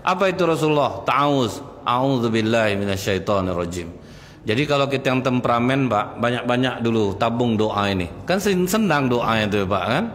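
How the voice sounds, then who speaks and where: A man's voice: medium pitch, lively intonation, a little fast, few pauses, fairly bright tone. A man giving a pre-tarawih mosque sermon, telling stories in a folksy way and acting out quarrels in a raised voice. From Indonesia. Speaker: preacher. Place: mosque hall. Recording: echoey mosque hall with faint ambience.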